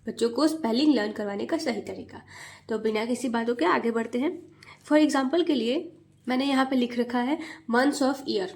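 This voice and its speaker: A woman with a slightly high voice hosts a teaching video for parents, speaking as a mother and tutor. She explains each step patiently and spells words out letter by letter in a slow, sing-song rhythm. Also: gravelly. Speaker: mother and tutor, channel host.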